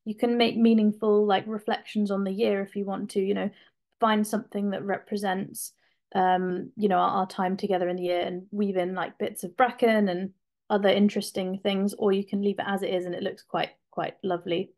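Woman presenter, mid-pitched, casual and chatty, speaking over a laptop mic at home for a webinar. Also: little pitch movement, brisk, darkish tone. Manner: chatty, informal, with fillers and restarts. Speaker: craft presenter. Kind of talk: live webinar demonstration.

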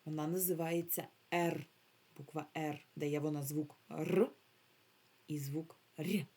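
Slow, husky-voiced woman teacher. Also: deep voice, fairly even intonation, mellow. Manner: slow, carefully drawn-out words, modeling sounds for children. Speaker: primary school teacher. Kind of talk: remote phonics lesson for young children.

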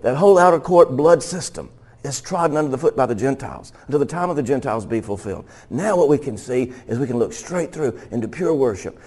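Male pastor, conversational sermon, chuckles often, restarts sentences, mid-pitched voice. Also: dark tone. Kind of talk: sermon teaching.

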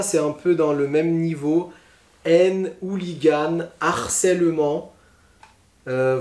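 A man with a French accent teaching a pronunciation lesson online, explaining slowly and patiently with frequent hesitations. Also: fairly high pitch, a little mellow, echoey room.

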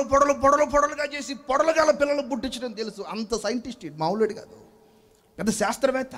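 A man's voice: extremely high pitch, a bit bright. A male pastor preaching a sermon, telling a story with acted-out voices and questions to the congregation.

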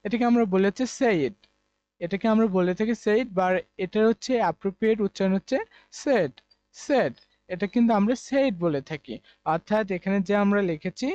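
A man's voice: sits high, darkish tone, no room sound, dull audio. A man from Bangladesh teaching an online English lesson, repeating word forms over and over and explaining with many fillers. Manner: repetitive drilling of pronunciations.

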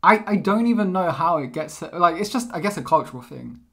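Brief: young host, animated and hesitant, lots of "like" and restarts, casual chat. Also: male voice, high-pitched, a little fast, vocal fry, husky. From London, England. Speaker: podcast host. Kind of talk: casual conversational podcast.

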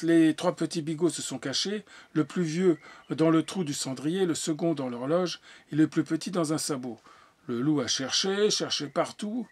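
A man's voice: fairly high pitch, breathy edge. Man reading a fairy tale aloud. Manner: hesitant, with fillers and restarts, shifting voices for characters. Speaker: storyteller. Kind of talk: storybook reading.

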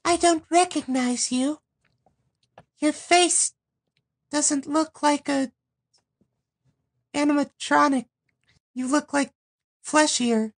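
A man doing a squeaky, coaxing impression of a creepy female child animatronic. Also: steady tone, takes it slowly, long pauses, dry recording, full character voice. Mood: wary. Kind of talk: impression of a game character.

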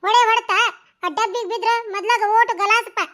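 A woman voicing a fussy, dramatic village woman in a cartoon, with a North Karnataka Kannada accent and an excitable, chattering delivery. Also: very high-pitched, a little fast. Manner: excitable, storytelling, scolding. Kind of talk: cartoon voice acting.

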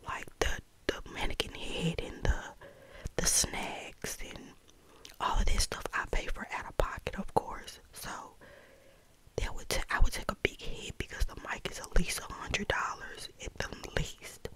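An American woman speaks in a soft, breathy whisper, as if right in your ear. She chats casually and without hurry in an ASMR vlog style, very close to the microphone. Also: low-quality recording. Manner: unhurried, chatty, close-up talking. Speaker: vlogger. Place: bedroom, indoors. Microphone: small desktop condenser mic held close.

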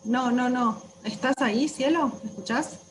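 A woman moderates an online session, speaking briskly. Her voice sits a little high. Clear background noise runs under everything she says. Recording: noisy background ambience.

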